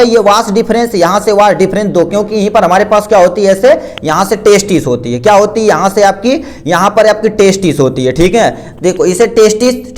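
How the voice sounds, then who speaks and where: A man's voice: high voice, a little mellow. A man teaching a pharmacy class, explaining terms with a diagram and answering his own repeated questions.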